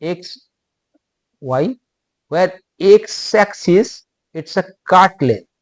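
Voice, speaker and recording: Male lecturer with an Indian English accent, slow and halting, slightly high voice, dry close sound. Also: animated, no echo. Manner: slow, halting, repeats phrases.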